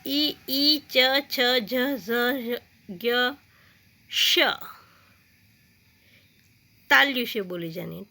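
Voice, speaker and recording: A woman teaching a school grammar lesson, reading out letters and words slowly and saying each one twice. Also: on the high side, bright, forceful tone. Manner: slow, deliberate, repeats each word twice.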